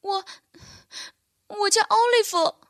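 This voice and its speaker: A woman's voice: very high-pitched, fairly even intonation, slow pace, pitched above the performer's own voice. A woman voicing a timid little male reindeer calf who stammers and sounds tearful in a bedtime storybook.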